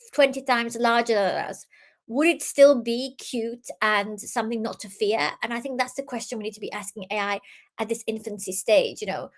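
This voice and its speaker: A woman's voice: fairly high pitch, a bit bright. A young adult woman, born in Iran, giving an earnest talk as an author and innovation speaker, with many ums and restarts. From Iran, raised in the UK. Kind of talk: talk presentation.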